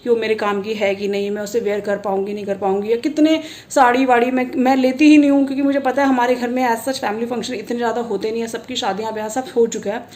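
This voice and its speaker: A woman's voice: fairly high pitch, flat delivery, fast, few pauses, darkish tone. A woman in her thirties chatting casually in a family vlog, rambling and laughing often. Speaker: family vlogger.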